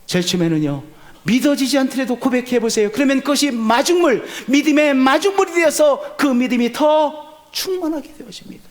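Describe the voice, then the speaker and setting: A man in his sixties preaching a sermon, asking the congregation questions and answering them, moving from loud urgent peaks to low hushed endings. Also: animated, a little fast. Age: 60s. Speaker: pastor.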